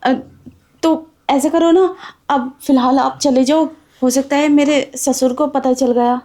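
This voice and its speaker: An anxious young married woman, played by a woman, with a high voice. She sounds hesitant and worried and turns defensive when she is pressed. She comes from a homemade drama skit. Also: steady tone, measured pace, mellow. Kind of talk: amateur Hindi drama skit.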